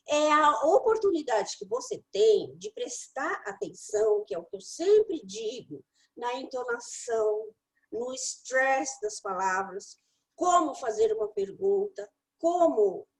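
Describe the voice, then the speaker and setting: A woman English teacher and mentor giving study tips in a talk to the listener, animated and playful. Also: high voice, vocal fry, poor audio.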